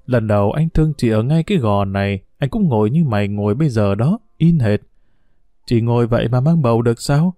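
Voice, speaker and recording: Pregnant young village woman, blunt and plain-spoken, voiced by a male narrator; warm dark timbre. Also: mid-range voice, expressive, a little fast, no room sound, studio quality, close to an everyday voice. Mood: teasing.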